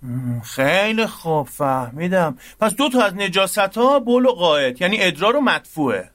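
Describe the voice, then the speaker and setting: A young man playing a teasing, muddled university dorm student who is quick to argue. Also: high-pitched, very animated, fairly bright tone. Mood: joking. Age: young adult. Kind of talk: radio drama acting.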